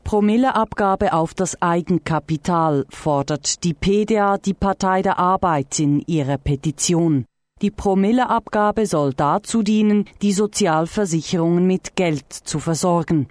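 A woman reading a scripted radio news report in a measured, clear way. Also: lowish voice, darkish tone, no echo.

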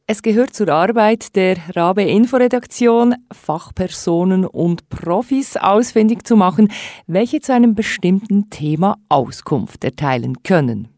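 A woman narrating a radio feature in a measured, wry tone. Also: medium pitch, animated, warm tone, dry recording, studio quality.

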